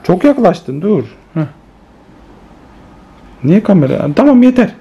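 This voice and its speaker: A woman's voice: medium pitch, a little slow, muffled recording. A woman filming her children at home on a phone and chatting playfully to her viewers. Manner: animated, playful, teasing the child, addressing viewers as friends. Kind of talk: casual family vlog narration to viewers. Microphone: handheld phone camera.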